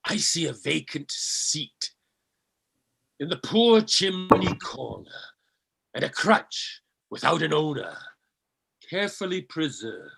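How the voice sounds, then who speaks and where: A man playing a jolly giant Christmas spirit in a radio play, gravelly and raspy, with theatrical drawn-out delivery. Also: fairly high pitch, very animated, a bit bright, full character voice, low-quality recording. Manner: theatrical, big hearty laughs, drawn-out words. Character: booming jolly giant ghost of Christmas present.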